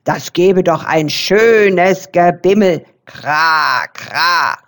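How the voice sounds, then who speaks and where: Kindly raven for a children's audiobook, woman reading, lowered voice, caws between phrases. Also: drawn-out words, a bit bright, full character voice. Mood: murmuring. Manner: croaking caws between words. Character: croaking raven, kindly and wise.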